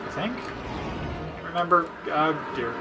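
This let's play commentator jokes casually with friends about a video game, and his humor is dry and packed with references. His voice is on the high side with lively intonation, he talks slowly, and there's background noise.

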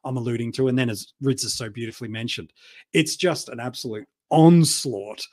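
A man's voice: medium pitch, brisk. A man in a casual panel chat, talking easily with ums and plugging the channel. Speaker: fantasy football panelist.

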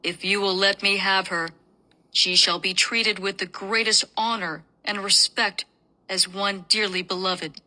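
A woman's voice: medium pitch, fairly even intonation, measured pace, pushed and bright, rough recording. A woman voicing a devoted young prince in a storybook reading, speaking earnestly and pleadingly.

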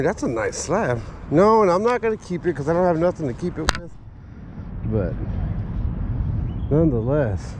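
With a fairly high pitch, this fishing vlogger keeps up relaxed commentary at a park pond, speaking to himself and a chest- or head-mounted action camera. His catches get him excited, and the recording carries faint outdoor noise.

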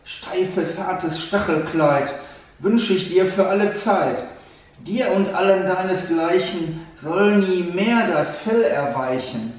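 A man's voice: high voice, slow pace. A man voicing a spiteful female adder witch, hissing in a whisper, heard from a distant mic in an echoey room.

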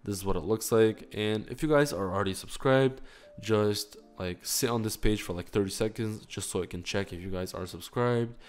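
A young man hosting a casual screen-recorded game tutorial, upbeat and quick, saying "guys" all the time. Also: on the low side, a little mellow. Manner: upbeat, fast, says "guys" constantly. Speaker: channel host.

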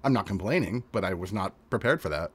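A man's voice: low-pitched, expressive, fast, husky. A man hosting a movie reaction, chatty and enthusiastic. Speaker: host. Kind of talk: casual reaction commentary.

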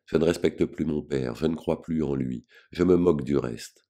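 A man's voice: very deep voice, moderate pace, dark tone. A man voicing a bitter, proud and rebellious young girl in an audiobook, speaking vehemently and with scorn.

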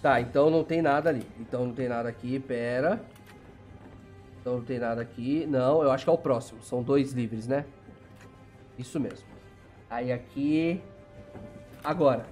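A young man with a Brazilian Portuguese accent doing chatty let's play commentary, talking to viewers and breaking into sudden excited shouts. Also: mid-range voice, moderate pace, long pauses, faint music behind. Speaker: gameplay channel host.

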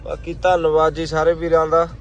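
A man's voice: a little high, monotone, moderate pace, faint music behind. A man from Punjab, India, chatting casually to his vlog viewers from inside a car and coaxing a small child to talk. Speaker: vlogger.

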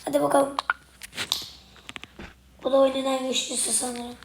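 High, flat, strained young woman's voice. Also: unhurried, vocal fry. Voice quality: strained voice, partly lost. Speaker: gaming video creator. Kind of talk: casual gameplay commentary. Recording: roomy, loud noise and clicks.

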